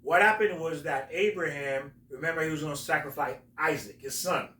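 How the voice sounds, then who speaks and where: A man's voice: a little high, bright, forceful tone. Man telling stories in an echoey room. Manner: halting, emphatic storytelling. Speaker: host, religious teacher. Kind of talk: casual explanatory talk. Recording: roomy echo, distant from mic.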